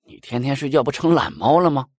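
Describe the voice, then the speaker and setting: A man voicing a fussy male underworld judge who chides and smooths things over. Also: medium pitch, very animated, fast, darkish tone, no room sound, studio quality, voice pushed up. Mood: chiding. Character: male King of Hell judge, fussy peacemaker.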